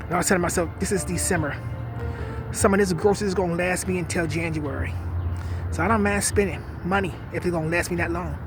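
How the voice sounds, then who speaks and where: Man, late 50s, high-pitched voice, confessional and sad, outdoors with music playing behind him. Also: steady tone, quick pace. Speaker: vlogger. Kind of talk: personal reflective monologue.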